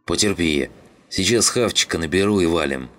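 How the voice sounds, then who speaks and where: A man voicing a gruff, bossy male scavenger leader who swears and barks orders. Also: low-pitched, moderate pace, fairly bright tone. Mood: commanding. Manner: rough, swearing, barking orders.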